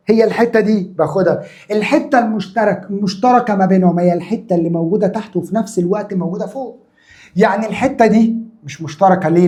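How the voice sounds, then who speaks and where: A man's voice: sits high, warm tone. A man with an Egyptian Arabic accent teaching a math lesson, who asks his own questions, answers them himself and repeats key points. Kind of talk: recorded classroom lesson.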